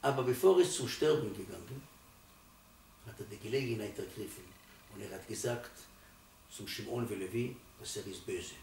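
A man in his eighties, a rabbi giving a Torah sermon, speaking emphatically and rising from quiet to loud to stress his points. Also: fairly low pitch, moderate pace, slight background noise. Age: 80s. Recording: roomy, distant mic, faint ambience.

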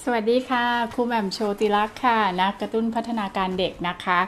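A woman's voice: on the high side, steady tone, fast, soft background music. A woman who coaches child development, talking to parents in a chatty, conversational way full of small fillers and tag words. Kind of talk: casual explanatory talk to parents.

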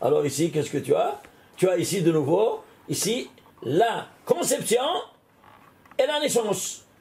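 A man with a high, gravelly voice teaches a recorded Torah class. He keeps asking his listeners questions and answers each one himself, his pitch rising and falling with energy. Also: measured pace. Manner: asks questions and answers them himself, animated rise and fall.

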